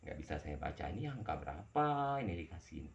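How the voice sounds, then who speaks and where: A man with a very deep voice tells a horror story from his own life, speaking to his listeners like friends. He restarts and repeats words as he goes. The recording sounds dull and lo-fi. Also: sing-song, brisk, gravelly. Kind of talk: first-person horror storytelling.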